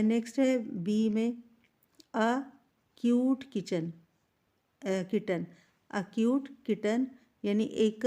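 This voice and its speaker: A woman teaching an English workbook lesson, explaining each answer step by step and reading the English sentences aloud slowly. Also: mid-range voice, mellow.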